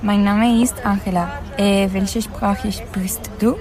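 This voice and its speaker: A woman, a university student speaking slowly and hesitantly in a classroom dialogue. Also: medium pitch, steady tone, over music. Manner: slow, hesitant.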